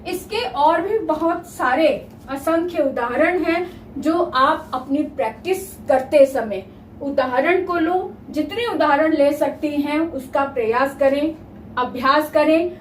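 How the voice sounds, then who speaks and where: A high-pitched woman teaches a grammar lesson at an unhurried pace, breaking each word into its single sounds. Her voice is heard from some distance in a roomy, echoing space with a faint background hum. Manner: slow, spells out each sound step by step. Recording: roomy echo, voice from afar, faint ambience.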